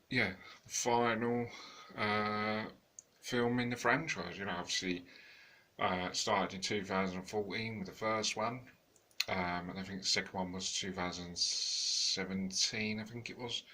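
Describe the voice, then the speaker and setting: A man's voice: on the low side, a little slow, pushed and bright. A man giving a rambling, casual film review, full of fillers and restarts, tired and yawning. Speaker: home video reviewer.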